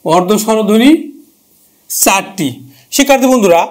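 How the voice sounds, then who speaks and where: Man with a high voice, teaching grammar, repeats terms, asks and answers himself. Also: lively intonation, normal speed. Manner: repeats key terms, asks and answers his own questions. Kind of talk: grammar lesson.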